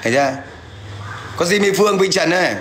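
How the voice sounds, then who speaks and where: A man's voice: sits high, lively intonation, fast talker, noisy background. A man ranting aggressively on a livestream, taunting and coarse as he addresses viewers and an absent rival. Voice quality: gravelly. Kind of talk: livestream rant.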